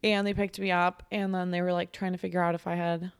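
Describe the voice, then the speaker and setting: A young woman in her twenties, a podcast co-host whose first language is Russian, telling stories in a casual chat, animated and full of "like" fillers and laughter. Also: fairly low pitch, fast talker, clean tone. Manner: animated storyteller, many "like" fillers, laughs often.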